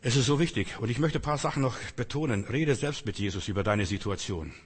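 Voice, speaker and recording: A man's voice: mid-range voice, fast talker, breathy edge. An older man preaching a sermon, earnest and emphatic with rising outbursts. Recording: long reverb in a hall.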